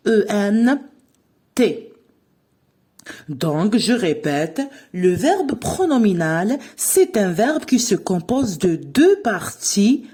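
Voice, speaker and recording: Slow, spelling-out woman teacher. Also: medium pitch, dark tone. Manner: dictates slowly, spells out verb endings letter by letter. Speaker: French teacher. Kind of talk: slow classroom-style grammar lesson.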